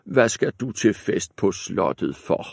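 A man's voice: sits low, very animated, creaky, slightly rough, no echo, full character voice. A man voicing a stern, dismissive stepmother in a fairy tale, speaking curtly and scolding. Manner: scolding, curt.

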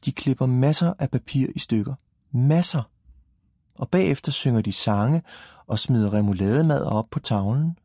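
Brief: man reading as a smug storybook girl, lightly raised and husky. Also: medium pitch, expressive, mellow, no echo, clean studio sound, voice pushed up. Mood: proud. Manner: proud, explaining. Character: know-it-all little girl, proud and confident.

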